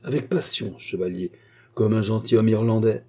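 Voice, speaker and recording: A man gives voice to a young Irish baronet in a storybook. Courteous and modest on the surface, he pursues his aim with cold persistence. The tone is dark and mellow, a little husky. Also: lowish voice, normal speed. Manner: polite, modest and coolly persistent. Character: young male Irish baronet, smooth schemer.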